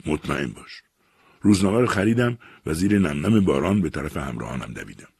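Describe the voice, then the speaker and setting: A man narrates a literary story in a measured, expressive reading voice. His voice is deep and husky, with lively intonation, recorded close and dry. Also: no room sound. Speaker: audiobook reader.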